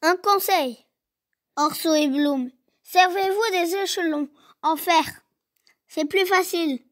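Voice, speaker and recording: A woman voicing a brave young male bear cub who leads his cousins, slow and earnest. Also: very high voice, fairly bright tone, pitched above the performer's own voice, exaggerated voice.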